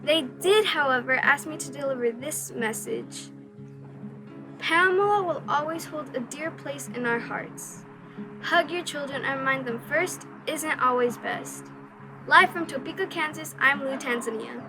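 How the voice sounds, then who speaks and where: Actress as a high-voiced, formal news anchor over loud music. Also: female voice, a little slow. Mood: solemn. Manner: solemn, formal newsreader delivery. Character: earnest TV news anchor reporting live. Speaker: actor in a stage production. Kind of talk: mock news report.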